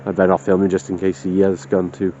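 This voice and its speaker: A man's voice: low voice, monotone, fast talker, warm tone, lo-fi sound, a little hiss or hum. A man with a South Wales Valleys accent chatting casually and jokily to a handheld camera outdoors. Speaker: camper filming an outdoor vlog. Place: outdoors at a woodland campsite.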